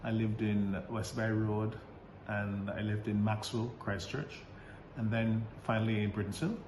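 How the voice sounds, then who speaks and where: A hesitant priest from Barbados gives casual interview answers in a low male voice with fairly even intonation. He halts, restarts and fills his speech with fillers, laughing often. The recording is roomy, with faint background noise.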